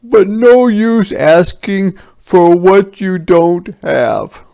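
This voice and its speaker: A man voicing crafty, cajoling soldiers from a children's storybook, in a coaxing, emphatic, drawn-out way. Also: sits high, expressive, creaky, mellow, voice pushed up, heavily acted. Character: crafty, cajoling soldiers angling for soup ingredients.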